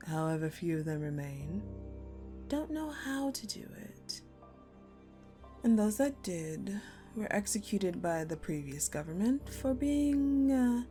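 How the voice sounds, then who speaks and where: In a dark audio roleplay aimed at the listener, a woman with a medium-pitched voice plays a cold, sadistic ice-queen general. She speaks deliberately, commanding and coldly menacing, with mockingly sweet condescension and dramatic pauses.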